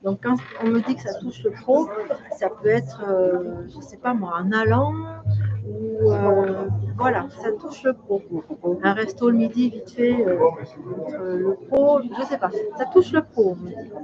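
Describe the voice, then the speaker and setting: A woman's voice: on the high side, lively intonation, measured pace, music in the background. A woman giving live readings as a medium, speaking spontaneously in short, repeated, reassuring fragments. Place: public hall with audience. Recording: dull sound, loud crowd noise. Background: loud crowd.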